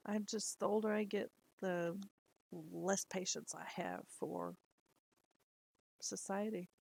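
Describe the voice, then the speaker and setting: A woman's voice: medium pitch, slow, vocal fry, darkish tone, husky, low-quality recording. A middle-aged woman chatting casually to camera at home, rambling and laughing often. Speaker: lifestyle vlogger. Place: at home, indoors.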